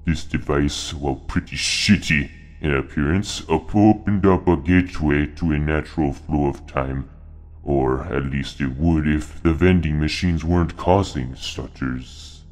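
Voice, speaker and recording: A man voicing a scheming male bear character delivering a slow, ominous monologue for a game. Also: very deep voice, a little mellow, faint music behind. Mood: grave.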